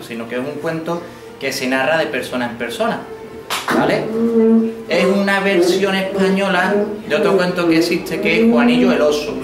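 Lively male storyteller for children. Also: fairly high pitch. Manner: lively, interactive, sound effects and questions. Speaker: father telling a folk tale to schoolchildren. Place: school classroom. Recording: echoey room from far off.

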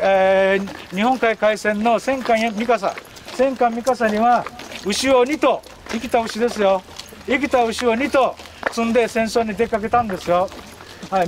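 A man, giving a folksy guided-tour explanation with drawn-out fillers and anecdotes. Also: sits high. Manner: folksy, drawn-out fillers and frequent tag words. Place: open outdoor grounds. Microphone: camera a few steps away. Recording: outdoor camcorder audio with clear ambient noise.

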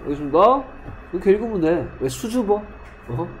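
A male English teacher in a classroom, quizzing students by name and slowly repeating English example sentences. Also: sits high, very animated, faint music behind. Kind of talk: classroom lesson.

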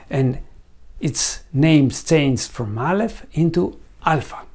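A Greek veterinarian and site founder in his forties gives a scripted lecture in a studio against a green screen, recorded on a lapel mic. He tells it earnestly, like a story, and poses questions to the viewer. His voice is fairly high with a darkish tone, and he has a Greek accent.

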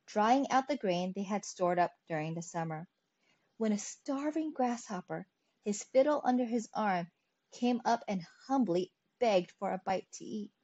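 A woman narrating classic fables in an expressive, lively storytelling reading. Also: medium pitch. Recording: dull lo-fi recording.

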